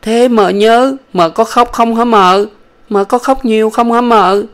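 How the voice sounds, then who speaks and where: A man's voice: extremely high pitch, a little slow, smooth, voice pushed up. A man voicing a small girl pleading with her mother in a storybook reading. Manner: pleading, childlike.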